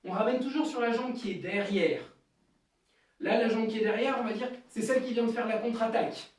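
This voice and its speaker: A man teaching an online karate class, calling counts and kiai shouts between slow explanations. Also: very high voice. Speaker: karate instructor. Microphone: camera at a distance. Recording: echoey room, voice far from the mic.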